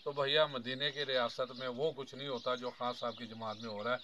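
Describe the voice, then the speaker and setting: A man in his mid-fifties with a very sharp, forceful and bright voice, talking straight to his viewers in a long, earnest political commentary. He explains his points at length. A faint hum of noise sits behind him. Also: medium pitch, steady tone, a little fast. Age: 50s. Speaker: vlogger.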